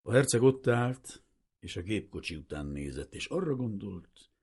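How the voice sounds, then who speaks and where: A man narrating a literary audiobook in a measured, expressive storytelling manner. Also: lowish voice, gravelly, husky.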